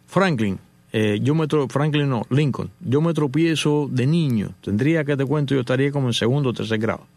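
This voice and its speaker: Gravelly animated Cuban-born storyteller man. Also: medium pitch, a little fast, no room sound. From Cuba. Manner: animated storyteller, acts out dialogue. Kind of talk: casual storytelling monologue.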